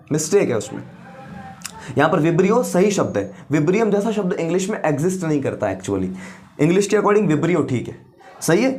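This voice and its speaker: A man teaches biology in a high, lively voice that rises and falls a lot. He asks the class questions, answers them himself and repeats each term slowly so it sticks. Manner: mixes English science terms into Hindi. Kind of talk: classroom lecture.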